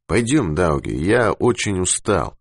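A man's voice: low-pitched, very animated, measured pace, creaky, husky, no room sound, studio quality, exaggerated voice. A man voicing a sluggish, exhausted adult male explorer in an audiobook. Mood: weary. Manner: sluggish, weary.

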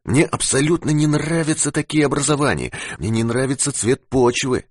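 A man voicing an excitable, feverish adult male geologist in an audiobook who rambles and shouts. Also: mid-range voice, moderate pace, slightly rough, dry recording, studio quality, voice pushed up. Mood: uneasy.

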